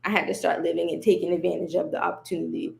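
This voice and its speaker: A woman guest on a podcast, telling her story in casual conversation, animated and laughing often as she quotes herself and others. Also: lowish voice, racing, vocal fry.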